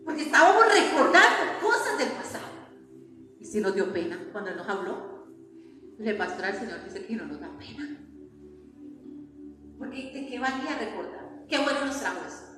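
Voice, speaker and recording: A woman's voice: on the high side, very animated, moderate pace, long pauses, over music. Woman preaching in an echoey hall. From Colombia. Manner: questioning the congregation, rhetorical repetition. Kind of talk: sermon. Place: church hall. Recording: echoey church hall with long reverb.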